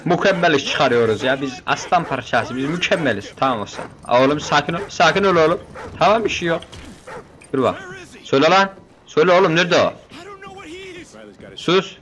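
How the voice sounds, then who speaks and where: Excitable young man commenting on gameplay. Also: fairly high pitch, a little fast. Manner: excitable, joking, banters with game characters.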